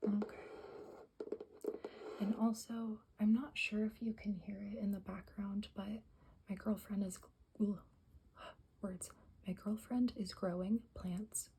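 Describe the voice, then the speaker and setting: A woman whispering softly in an ASMR style, reading aloud and rambling with self-correcting asides. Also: mid-range voice, flat delivery, slow pace, long pauses. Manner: whispering and very soft-spoken. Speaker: ASMR creator. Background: faint music playing for plants, background hiss.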